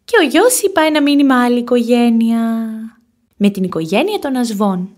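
A woman narrating a children's storybook, expressive and animated. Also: fairly high pitch. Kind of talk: storybook reading.

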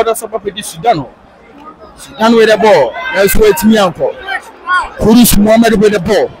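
A man with a Ghanaian accent giving live football commentary, excitable and sing-song, rising into shouts on attacks. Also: sits high, rough recording. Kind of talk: live match commentary mixing English and Twi.

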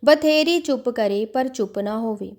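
A woman narrating a devotional audiobook in a measured storytelling manner. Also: a little high, darkish tone.

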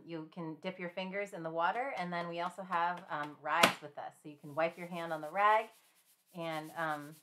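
A woman teaching a live-streamed finger painting class in a chatty, gentle way, with many fillers and small laughs. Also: lowish voice. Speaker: art instructor.

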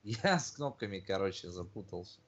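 A man's voice: low-pitched, lively intonation, brisk, fairly bright tone, husky. A man in casual gaming chat, grumbling and swearing heavily as he plays. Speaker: video game player.

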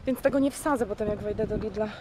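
A woman in her twenties from Poland chatting casually to her camera in an offhand, slangy, rambling way. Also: fast talker. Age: 20s. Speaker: vlogger. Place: outdoors on streets and platform, aboard a train. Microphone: camera microphone at arm's length. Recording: noisy handheld camera, traffic and travel rumble.

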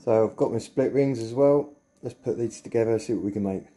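A man's voice: mid-range voice, fairly quick, warm tone. A middle-aged man casually chatting and thinking aloud while making fishing lures in his home workshop, joking at his own expense. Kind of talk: casual workshop vlog narration. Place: cluttered home workshop, indoors. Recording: noisy workshop recording.

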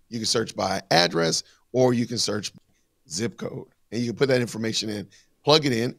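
A man with a gravelly edge to his voice talks casually on a livestream. He walks through things step by step, with fillers and restarts along the way. The sound is dry and close. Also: medium pitch, a bit bright, no room sound. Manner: conversational, explains step by step with fillers.

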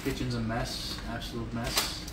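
In an echoey home kitchen with clear ambient noise, a man in his thirties cooks and jokes casually on a livestream. The fitness coach and vlogger has a mid-range voice with flat, unhurried delivery, recorded by a phone camera held or propped close by.

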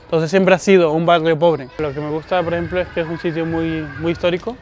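A man in his twenties who boxes, speaking relaxed and conversational in an outdoor documentary interview. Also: fairly high pitch, fast talker, slight background noise. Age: 20s. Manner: relaxed, conversational, casual asides. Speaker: young boxer. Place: outdoors by a mural. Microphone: lapel mic.

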